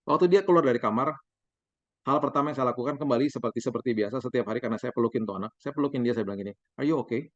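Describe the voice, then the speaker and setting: A middle-aged male pastor, preaching a sermon emphatically and dropping to a soft, intimate tone for quoted words. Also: mid-range voice, rapid-fire, no room sound. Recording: dry, slightly dull sound.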